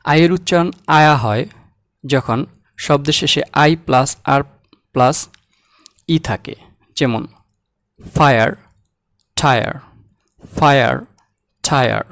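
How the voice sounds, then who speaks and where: A man teaching English pronunciation, saying example words slowly and repeating them. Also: mid-range voice, vocal fry, a bit bright, no echo, studio quality. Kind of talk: slow, deliberate language lesson.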